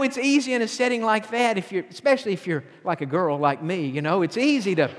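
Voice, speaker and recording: A man preaching a sermon as pastor, earnest and repeating phrases for emphasis. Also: high-pitched. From southern United States. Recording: long hall reverb.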